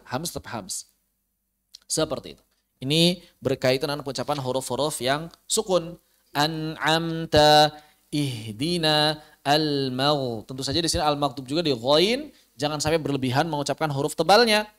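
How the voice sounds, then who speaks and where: Man teaching slow Quran recitation online. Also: on the high side, a bit bright. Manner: explains then demonstrates slow, drawn-out recitation; patient, repeats sounds and syllables many times. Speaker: tajwid teacher.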